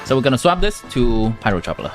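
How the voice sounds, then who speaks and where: Speaking fast and very animatedly at medium pitch, a young native Vietnamese speaker from Vietnam streams a game live with his accent audible. He answers viewers and offers gameplay tips in a casual way while game music plays.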